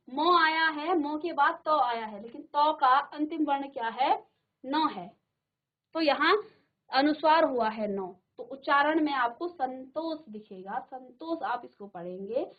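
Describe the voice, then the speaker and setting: A woman teacher with a high voice gives a slow, deliberate grammar lesson, repeating each point and checking in with her class. She sounds middle-aged, and the studio broadcast has a slightly dull, lo-fi sound. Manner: patient, repeats and checks with "ठीक है".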